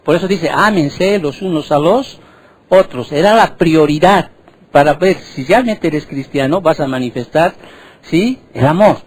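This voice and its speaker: Higher-voiced male pastor preaching. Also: unhurried, breathy edge, poor audio. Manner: asks the congregation frequent questions, repeats words. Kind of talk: sermon.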